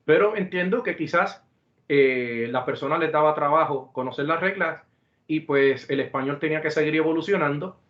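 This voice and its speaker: A man teaching a math class online, explaining slowly and deliberately, repeating examples and correcting himself as he goes. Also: fairly high pitch, fairly bright tone. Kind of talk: virtual classroom lecture. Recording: roomy, dull lo-fi sound.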